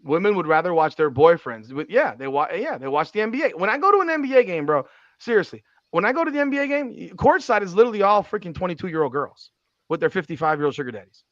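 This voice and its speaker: A man's voice: sits high, big pitch swings, fast, a bit bright, no room sound. A man in his forties hosting a podcast, talking in an emphatic, repetitive way and swearing freely. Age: 40s. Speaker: podcast host. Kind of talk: casual podcast chat. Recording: dull, slightly lo-fi sound.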